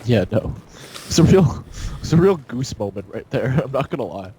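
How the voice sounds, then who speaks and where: A man's voice: mid-range voice, sing-song, moderate pace, warm tone, a little hiss or hum. A young man chatting casually while gaming, joking crudely and laughing often. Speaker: co-host.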